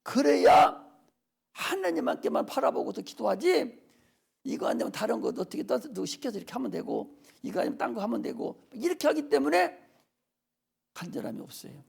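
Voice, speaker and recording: An older man, a pastor preaching a Friday worship sermon with fervent urging that drops to soft near-whispers. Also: extremely high pitch, huge pitch swings, moderate pace, creaky, breathy edge.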